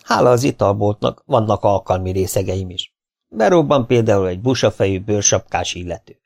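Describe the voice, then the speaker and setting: A man's voice: fairly low pitch, animated, vocal fry, darkish tone. A man reading a memoir aloud as an audiobook, in a dry, wry storytelling manner. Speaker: audiobook reader.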